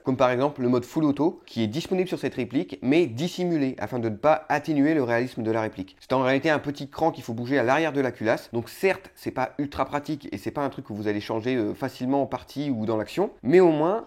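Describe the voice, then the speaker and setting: Fast-talking northern French man. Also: medium pitch, darkish tone. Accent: Nord-Pas-de-Calais French. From northern France. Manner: chatty, peppers sentences with "hein" and "bah". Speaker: airsoft gun reviewer. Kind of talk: casual product review. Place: home setup, voice-over.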